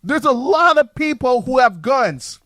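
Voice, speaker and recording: A man hosting a reaction show, giving animated, emphatic casual commentary on viral clips. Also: extremely high pitch, a little slow, no echo, clean studio sound.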